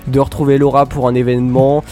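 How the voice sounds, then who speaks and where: A man hosts a live radio show and talks quickly in a mid-range voice, teasing his co-hosts and filling pauses with little hesitations. He keeps it loose and chatty. Faint music plays behind him. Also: mid-range voice, flat delivery, dark tone. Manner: joking, teasing, lots of fillers. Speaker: web radio host. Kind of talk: casual live radio chat.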